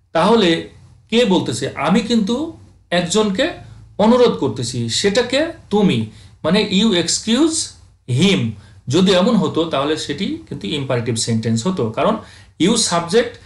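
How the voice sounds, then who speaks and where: Male teacher, somewhat high voice, slow english examples, roomy echo. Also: big pitch swings. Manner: addresses students as dear friends, asks and answers own questions; reads English examples slowly, then explains. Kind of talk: slide lecture on grammar.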